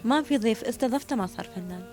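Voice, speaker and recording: Fast-talking co-host woman. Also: on the high side, lively intonation. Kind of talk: casual chat.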